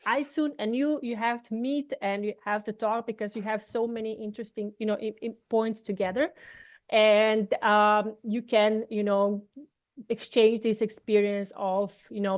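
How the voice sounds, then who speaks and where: A woman hosting a podcast, introducing her guest in a hesitant way with many fillers. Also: mid-range voice. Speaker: podcast host. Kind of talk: casual interview intro.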